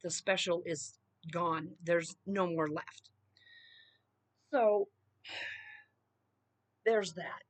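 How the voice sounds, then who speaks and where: A woman's voice: fairly low pitch, extremely slow, pauses often, no echo. A middle-aged woman delivering an emphatic solo political rant, punctuating her points with "okay?" and "you know.". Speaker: political commentator.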